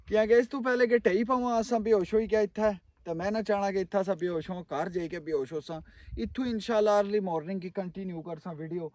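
High-voiced man chatting on a lakeshore. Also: a little mellow, no echo. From Kashmir, Pakistan. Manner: chatty, addresses viewers directly. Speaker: vlogger. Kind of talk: casual outdoor building vlog. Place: outdoors on a dry lakeshore.

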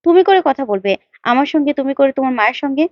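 Woman voicing a mild, coaxing dad; brisk, high. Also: lively intonation, dry recording, highs cut off. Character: gentle older father, mildly scolding.

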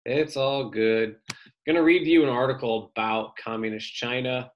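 A male teacher reading an article aloud to his students for an online lesson, steady and plain with brief casual asides. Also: mid-range voice, normal speed, dull audio.

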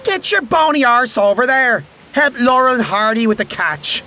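A man's voice: extremely high pitch, animated, normal speed, bright, forceful tone, slight background noise, voice pushed up, exaggerated voice. A man voicing a bad-tempered boat skipper who barks curt orders. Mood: barking.

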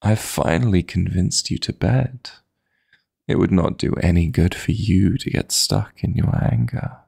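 Heavily acted and low-pitched, a man's gravelly, breathy voice plays a dream demon lover who is possessive and teasing. Coaxing slowly and softly, he performs intimate roleplay audio meant to aid sleep.

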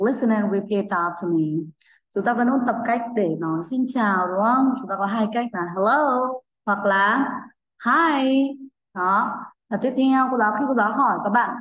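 A Vietnamese woman teaching an English review lesson to young children. She speaks with a Vietnamese accent, cheerfully encourages the children and slowly draws out model phrases for them to repeat. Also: medium pitch. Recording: echoey room.

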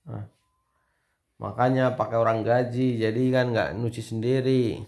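A man's voice: medium pitch, little pitch movement, a little slow, darkish tone. A man with a Javanese-Indonesian accent, teasing his wife in a casual home video before turning coaxing and apologetic. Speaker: husband filming a family prank video. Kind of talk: teasing casual family banter.

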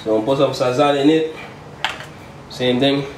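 In his small home kitchen, this man's mid-range, darkish voice stays fairly even and a little slow as he jokes his way through a cooking demo, often adding "you check?" The camera mic sits far off, so the room sounds spacious, and there's slight background noise.

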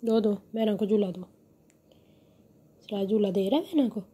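A young mother vlogging at home, coaxing her babies in soft baby talk and calmly explaining their routine. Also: mid-range voice, moderate pace, slightly rough. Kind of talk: casual home vlog. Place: at home, indoors and in a sunny yard.

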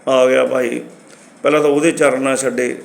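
A man's voice: medium pitch, moderate pace, vocal fry. A man preaching to a congregation, telling a story and acting out the people in it. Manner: lively storyteller acting out dialogue. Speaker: Sikh preacher. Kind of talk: storytelling sermon.

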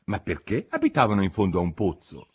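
A man's voice: low-pitched, wildly swooping pitch, quick pace, a little mellow, breathy edge, exaggerated voice. A man voicing a curious, polite young girl in an audiobook, cautious and thoughtful. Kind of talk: audiobook character voice.

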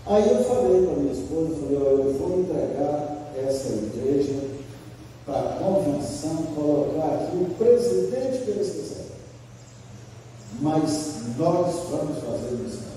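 A man's voice: a little high, expressive, measured pace, dark tone, slight background noise. A man preaching a sermon testimony, telling a story and acting out the quoted dialogue with animation. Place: large church hall. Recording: echoey hall, from far off the mic.

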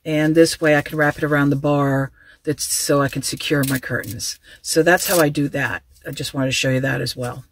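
A woman's voice: low-pitched, steady tone, normal speed, slight background noise. A middle-aged woman vlogging from her car, casually showing and explaining her gear in a chatty, practical way with frequent ums and restarts. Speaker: van life vlogger. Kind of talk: casual show-and-tell demonstration. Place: inside a parked car.

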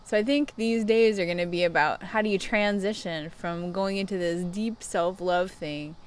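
A woman's voice: on the low side, moderate pace. A middle-aged woman talking casually and personally to camera like a self-help influencer, in a candid confessional chat. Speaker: self-help vlogger who gives coaching sessions. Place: outdoors on a wooden deck. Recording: clear outdoor background noise.

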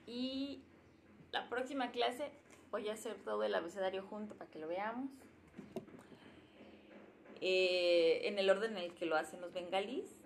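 A woman talks her way through a live study session, unhurried and a bit unsure, repeating each letter as she goes. Her pitch sits mid-range, and faint background noise hums under the recording. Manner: slow, thinking aloud while writing and sounding out letters. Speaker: language learner streaming her study sessions. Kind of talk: casual live study stream.

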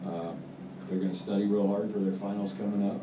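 A man in his forties, a head football coach answering post-game press questions in a measured, halting way with many fillers. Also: lowish voice, flat delivery. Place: press room with backdrop, indoors. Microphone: table mic on stand. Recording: roomy, distant mic, background noise.

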